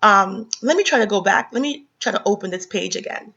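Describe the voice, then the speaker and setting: A woman's voice: medium pitch, expressive, fairly quick, vocal fry, pushed and bright, breathy edge. A woman from the Caribbean giving heated opinion commentary in a vlog, lecturing her viewers with many fillers and restarts. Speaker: commentary vlogger. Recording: dull lo-fi sound.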